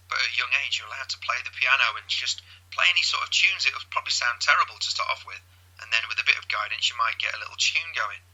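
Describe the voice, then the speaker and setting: A man's voice: medium pitch, pushed and bright, husky, poor audio. A man with an English accent, a football coach explaining his views earnestly and thoughtfully in an interview.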